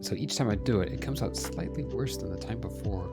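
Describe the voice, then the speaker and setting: A man with a fairly low, gravelly voice talks briskly and with lively intonation as he casually chats with viewers during a live game stream. He pokes fun at himself and speaks straight to chat. He's on headphones with a desk mic, and soft music plays in the background.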